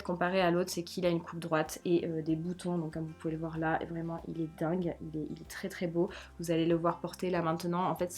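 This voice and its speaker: A woman vlogger chatting casually through a fashion haul, gushing and repeating words for emphasis. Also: fairly low pitch. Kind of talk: casual haul video chat.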